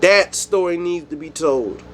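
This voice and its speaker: A man from the United States hosting his own channel, speaking his mind in a rambling, animated monologue with frequent restarts. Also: on the high side, unhurried, slight background noise. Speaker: YouTube channel host. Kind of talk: solo opinion monologue.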